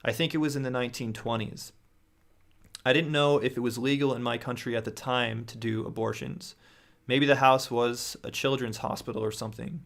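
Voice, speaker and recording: A young man hosts a livestream from home, reading viewer stories aloud into a boom-mounted studio mic close to his face. His voice is mid-range, steady, normal in speed, creaky and fairly bright, and he often restarts and reacts as he reads.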